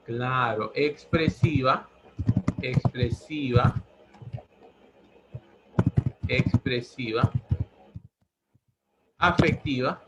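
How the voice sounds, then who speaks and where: A man's voice: mid-range voice, very slow, long pauses, very noisy. A man teaching a language lesson, repeating each answer several times. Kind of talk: pre-university language lesson.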